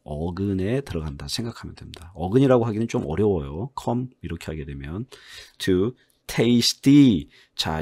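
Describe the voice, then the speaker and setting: A man teaching English pronunciation to Korean learners, with a Korean accent. He explains in short bursts and slowly stretches out the English words he stresses. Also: fairly low pitch, breathy edge, no room sound, studio quality. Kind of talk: online English lesson.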